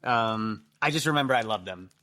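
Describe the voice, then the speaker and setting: A man's voice: on the low side, animated, normal speed, pushed and bright. A man co-hosting a podcast, chatting casually, teasing his friend and swearing now and then. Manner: laughing hard, teasing, swears. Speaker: podcast co-host. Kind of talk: casual chat.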